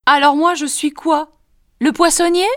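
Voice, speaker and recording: A cheeky, quizzical young cook, played by a woman in a scripted textbook dialogue. Her voice is high and clear, and the recording is dry. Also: fairly even intonation, unhurried, dry recording. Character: cheeky young adult female kitchen cook.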